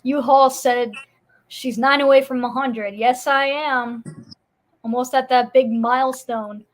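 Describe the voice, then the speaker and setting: A woman's voice: high voice, steady tone, a little slow. A woman hosting her live stream in casual chat, chatty and agreeable. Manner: chatty, agreeable, lots of yeahs.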